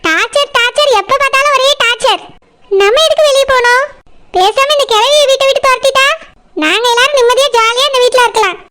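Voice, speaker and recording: A woman's voice: extremely high pitch, fast talker, sharp tone. A woman voicing a resentful young daughter-in-law in a cartoon, complaining to herself in a Kanyakumari Tamil accent.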